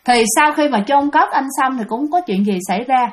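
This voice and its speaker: A woman narrates a spooky tale in a high voice. She talks in a casual, chatty way, leans into the storytelling, and turns to her listeners often. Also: animated, normal speed. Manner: chatty, addresses listeners directly. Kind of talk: spoken ghost-story narration.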